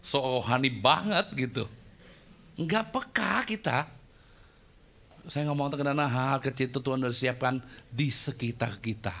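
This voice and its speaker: A man's voice: medium pitch, unhurried, pauses often, a bit bright. A male pastor preaching a sermon in a casual, joking storytelling manner.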